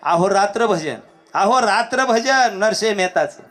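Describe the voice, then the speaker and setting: A man preaching a devotional kirtan sermon, telling a story with animated delivery that swings between loud calls and hushed lines. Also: high voice, measured pace. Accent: Marathi. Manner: animated, shifts between shouting and hushed lines, acts out characters.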